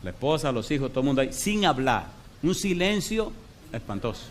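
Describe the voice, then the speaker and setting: A man's voice: medium pitch, very animated, brisk, slight background noise. A middle-aged man preaching a sermon as a pastor, who tells stories with acted dialogue and keeps asking the congregation questions.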